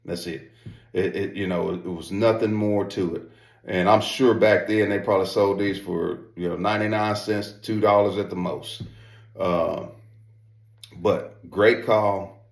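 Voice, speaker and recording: A man with a fairly low voice presents a product in a casual, folksy style. He leans on his points and repeats phrases for emphasis. The sound is noticeably roomy and echoey. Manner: emphatic, repetitive, folksy informal talk. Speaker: presenter reviewing duck calls. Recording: roomy echo.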